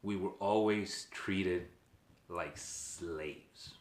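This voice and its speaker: A deep-voiced Venezuelan vlog host draws out his words as he addresses the camera on his channel, reverb audible around him. He speaks with emphasis and keeps checking in with viewers through "okay" and questions.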